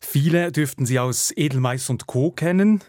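A man's voice: a little high, moderate pace, darkish tone, no echo. Male radio host, dry studio. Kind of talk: prepared interview questions and introductions.

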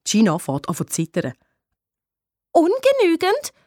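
A woman narrating a children's audiobook in an expressive, playful way. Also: on the low side, normal speed, no echo, clean studio sound.

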